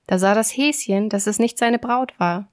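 A woman reading fairy tales aloud in a calm, steady storytelling way. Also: medium pitch, moderate pace.

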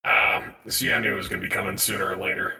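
A man's voice: sits low, completely flat delivery, quick pace, sharp tone, echoey room. A man talking through a voice changer mixed with auto-tune, a tabletop game player roleplaying in blunt, teasing banter. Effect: voice changer filter mixed with auto-tune.

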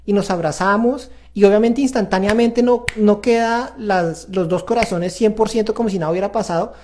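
Earnest dad, reflective talk. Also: male voice, high-pitched, brisk, a little mellow, slight background noise. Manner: earnest and confessional, speaking to viewers directly. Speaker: parenting show host. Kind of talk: reflective faith-based parenting talk.

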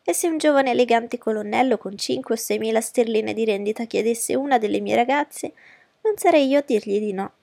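A woman voicing a fussy, excitable middle-aged mother who talks in an eager, pushy way. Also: a little high, brisk, vocal fry, dry recording, pitched above the performer's own voice. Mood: fond, scheming. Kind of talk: audiobook character voice.

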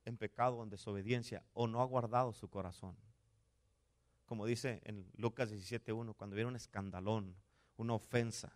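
A man, a pastor preaching a sermon and retelling a story, dropping to a hush and then surging upward on his exclamations. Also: lowish voice, steady tone, normal speed.

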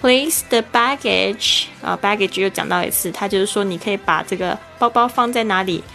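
A woman teaching an English podcast lesson, spelling words out letter by letter and repeating phrases slowly. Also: medium pitch, creaky, sharp tone, soft background music. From Taiwan.

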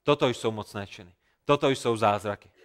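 A man preaching a sermon, retelling a scripture story with earnest, emphatic repetition. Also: fairly low pitch. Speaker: pastor.

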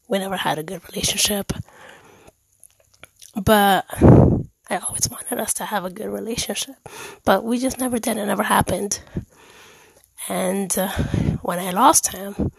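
Husky woman, candid podcast monologue. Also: medium pitch, dry recording, poor audio. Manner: candid, earnest, heartfelt. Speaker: podcast host.

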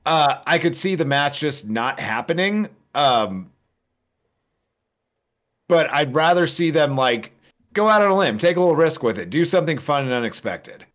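Guy on a podcast thinking out loud, kinda muffled lo-fi audio. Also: fairly high pitch, big pitch swings, moderate pace. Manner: thinking aloud, hesitant restarts. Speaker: podcast guest. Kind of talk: casual wrestling chat.

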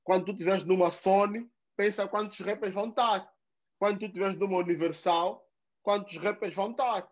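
An easygoing man hosts a casual podcast, his voice a bit higher than most men's. He offers encouragement in relaxed slang. The sound is dull and lo-fi. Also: normal speed. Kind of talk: casual chat.

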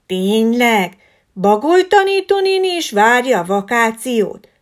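Playful young horse schoolboy from a storybook, eager and questioning, pitched up, put on by a woman reader. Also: big pitch swings.

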